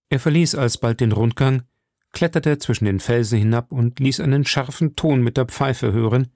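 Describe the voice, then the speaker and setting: A man reading a classic adventure novel aloud in slow, measured scripted narration. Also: medium pitch, gravelly, mellow, no echo, studio quality. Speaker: audiobook narrator.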